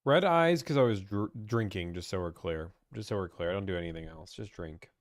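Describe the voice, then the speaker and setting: A man's voice: deep voice, lively intonation, fairly quick, no echo, clean studio sound. A young man from Pittsburgh, chatting casually as he reads and answers viewer questions about car buying on a live stream.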